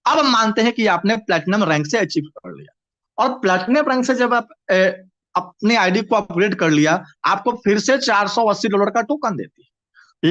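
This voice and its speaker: Brief: high-pitched male presenter walking through a business plan, lo-fi recording. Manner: steady explaining, repeats and restarts words, addresses "friends". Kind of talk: explanatory presentation. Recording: dull lo-fi recording.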